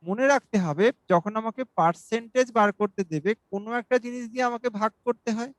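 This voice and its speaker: A male mathematics teacher giving an exam-prep lesson, explaining each step slowly and reading questions aloud. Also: sits high, no echo, low-quality recording. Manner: asks students for doubts.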